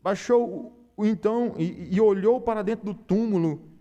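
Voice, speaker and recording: A man's voice: sits high, moderate pace, warm tone, dull audio. A man with a Brazilian Portuguese accent, preaching an Easter sermon as pastor and asking the congregation rhetorical questions.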